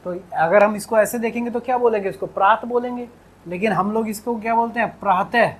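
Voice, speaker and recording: Husky-voiced man teaching vowel sounds. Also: high voice, fairly even intonation. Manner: patient, repeats words and sounds out vowels slowly; speaks to viewers directly, giving instructions. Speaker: Hindi teacher. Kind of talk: classroom video lecture.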